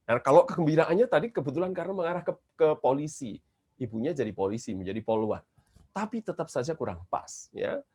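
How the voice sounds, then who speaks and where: A man's voice: a little high, expressive, fairly quick, a little mellow, breathy edge. A man with an Indonesian accent teaching children's songwriting in a webinar, explaining patiently and singing short examples. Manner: explains patiently, breaks into short sung demonstrations. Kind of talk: webinar lecture with sung examples. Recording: dull lo-fi webinar audio with faint guitar.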